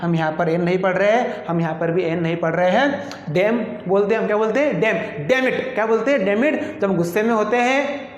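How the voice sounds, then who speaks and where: High-voiced man teaching in an echoey room. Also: dull audio. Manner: repeats rules and words slowly, asks students back. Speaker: English teacher. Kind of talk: Hindi-language spelling rule lesson.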